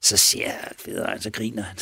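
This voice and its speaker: A man who is a police officer, retelling a case in a casual interview, halting with pauses and restarts. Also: lowish voice, pushed and bright, husky, no echo, clean studio sound. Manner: halting, with many pauses and restarts, acts out quoted speech. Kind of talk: casual spoken storytelling in an interview.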